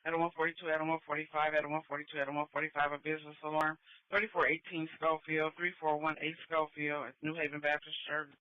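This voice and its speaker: Man, police dispatcher, police radio transmission, slightly high voice, clipped, repeats addresses, dull lo-fi scanner audio. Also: level tone, quick pace, clear, resonant tone, no room sound.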